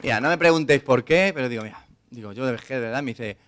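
A stand-up comedian from Mallorca telling a comic story on stage, rushing and stammering as he acts out both sides of the dialogue. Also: medium pitch, fairly bright tone, a little hiss or hum. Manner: rapid, stammering restarts, acted-out dialogue. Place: theatre stage.

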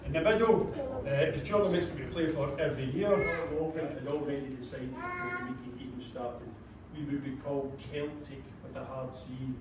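A man's voice: medium pitch, moderate pace, few pauses. An older man with a Scottish accent, a tour guide chatting and joking with a group in a large trophy room. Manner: chatty, jokey, addresses a group. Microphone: visitor's camera from a distance. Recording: echoey room, distant, with crowd noise.

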